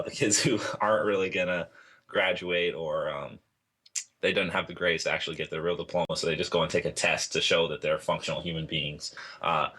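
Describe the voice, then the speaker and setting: A man in his twenties from Hawaii, answering interview questions in a relaxed, rambling way with many fillers. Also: low-pitched. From Hawaii, United States. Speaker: interview guest, athlete. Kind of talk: casual interview.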